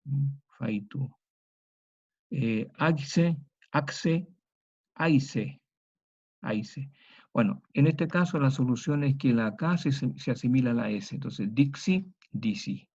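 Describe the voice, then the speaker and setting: A middle-aged man lectures in a dark, mellow voice, moving through each point methodically and saying the key words twice. The recording is slightly dull and lo-fi. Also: medium pitch, breathy edge. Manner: methodical, repeats each example slowly. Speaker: teacher. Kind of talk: university lecture.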